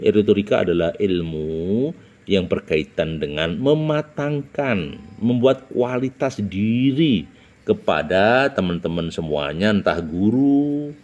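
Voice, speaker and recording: A man teaching public speaking, stressing each numbered point and asking rhetorical questions. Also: darkish tone. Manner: emphatic, jumps up in pitch to announce each numbered point; rhetorical questions, frequent "nah" and "ya". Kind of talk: instructional talk.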